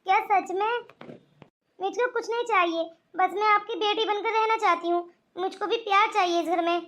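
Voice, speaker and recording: A woman voicing a gentle young daughter-in-law from a village in a cartoon, talking in an earnest, pleading way. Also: extremely high pitch, steady tone, normal speed. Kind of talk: cartoon voice acting.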